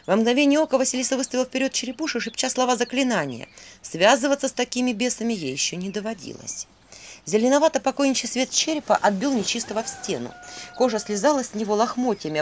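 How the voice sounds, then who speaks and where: A woman narrating a spoken folk tale with an expressive, vivid storyteller manner. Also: a little high, fast. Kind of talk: dramatic story reading.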